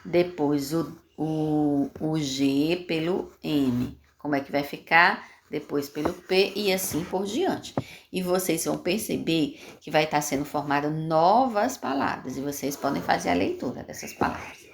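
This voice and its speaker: A woman's voice: sits low, measured pace, gravelly, a little hiss or hum. A woman teacher, patiently walking young pupils through homework and answering her own questions. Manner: patient, repeats steps, asks and answers questions.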